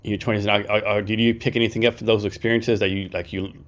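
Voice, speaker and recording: A man's voice: fairly low pitch, flat delivery, fast talker, slight background noise. A man hosting a podcast, asking casual interview questions in a chatty, rambling way and tagging his remarks with "right?". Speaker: podcast host.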